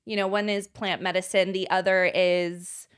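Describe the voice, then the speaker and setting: A young woman co-hosting a casual podcast, chatty and animated, laughing often as she retells stories. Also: lowish voice, normal speed, smooth. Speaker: podcast co-host. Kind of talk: casual chat.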